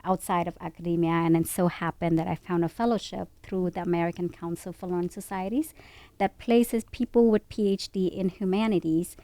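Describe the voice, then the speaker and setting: A woman in her forties who grew up in Poland, a podcast guest speaking in a thoughtful, measured way with frequent pauses. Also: lowish voice, steady tone, warm tone, no room sound. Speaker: guest, public health researcher. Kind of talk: podcast interview. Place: studio set with a couch.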